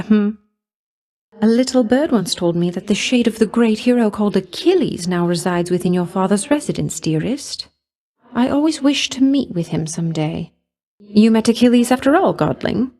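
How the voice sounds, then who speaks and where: In a mellow, medium-pitched voice with a light touch of acting, a woman plays a video game's goddess of love, flirtatious, vain and jealous. Her sweet, condescending endearments carry a veiled threat beneath the surface.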